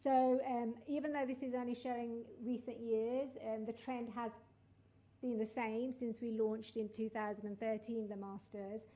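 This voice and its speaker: A woman's voice: on the high side, level tone, moderate pace, mellow, rough recording. A woman giving an informal conference presentation in front of an audience, with a hesitant delivery punctuated by frequent ums. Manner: addressing an audience, checking they can hear. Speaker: director of studies giving a conference talk.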